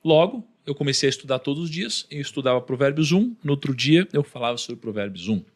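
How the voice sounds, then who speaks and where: A man's voice: medium pitch, fast. A man with a Brazilian accent, a podcast guest telling a personal story and acting out what others said. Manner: animated, acts out the voices of others in his story.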